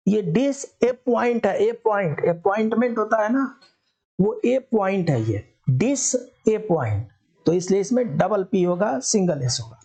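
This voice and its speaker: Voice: medium pitch, darkish tone. A teacher giving a spelling lesson for exam students, explaining step by step and answering their own questions.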